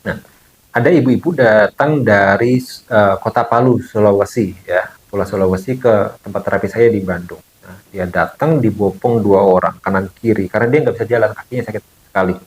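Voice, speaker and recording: A man's voice: fairly low pitch, a little fast, rough recording. A man, a bone-setting therapist, casually telling viewers a story from his clinic, with lots of fillers and quoted dialogue.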